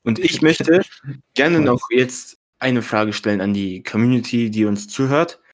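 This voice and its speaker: A man's voice: medium pitch, measured pace, rough recording. A young man co-hosting a casual podcast, talking in a self-mocking, slangy way with English words mixed in. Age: teenager or young adult. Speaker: podcast co-host.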